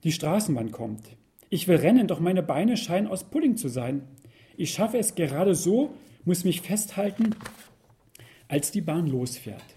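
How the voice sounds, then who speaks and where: A man narrates a first-person story with a wry, expressive delivery. His voice sits slightly high and moves with lively swings in pitch. The tone is mellow and soft. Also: measured pace.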